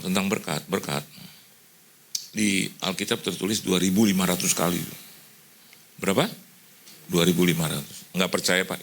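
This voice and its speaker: A middle-aged Indonesian man preaching a sermon as pastor in a church hall, telling stories with lively delivery, slipping in English phrases and acting out the voices he quotes. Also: sits low, a little hiss or hum.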